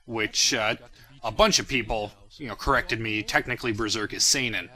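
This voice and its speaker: The young creator of a fan parody series comments on his own work in a casual, rambling, self-deprecating way. His lowish voice sounds pushed and bright, at a moderate pace.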